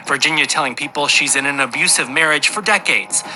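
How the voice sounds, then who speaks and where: A news narrator reading a dramatic, tabloid-style report in a smooth delivery. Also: medium pitch, fairly quick, sharp tone, a little hiss or hum.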